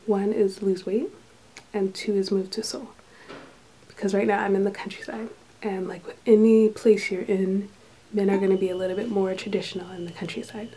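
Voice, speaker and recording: Hushed woman vlogging, mellow voice. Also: medium pitch, fairly even intonation, normal speed, breathy edge, rough recording. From United States. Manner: talks softly and hushed, drifting into whispers. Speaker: vlogger, English teacher abroad. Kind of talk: casual personal vlog. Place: small indoor room with thin walls.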